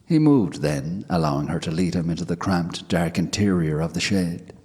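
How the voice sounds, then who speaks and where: A man narrating a scripted ghost story in a measured, hushed way. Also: low voice, expressive, breathy edge. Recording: long hall reverb.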